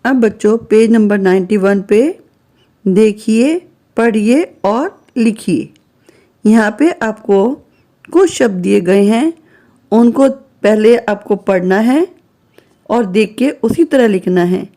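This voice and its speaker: Woman schoolteacher, very slow, warm mellow tone. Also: medium pitch. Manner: patient, slow and deliberate, reading out words one at a time. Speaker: teacher. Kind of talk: slow classroom exercise walkthrough.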